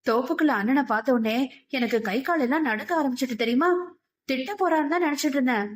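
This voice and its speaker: A woman voicing an excited teenage daughter who talks in a bubbly, breathless way. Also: high-pitched, fast talker, lightly acted.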